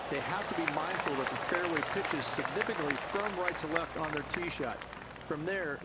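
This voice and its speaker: A man working as a golf analyst, giving explanatory commentary on the course and shots. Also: fairly high pitch. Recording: outdoor noise and crowd. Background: crowd and outdoor ambience.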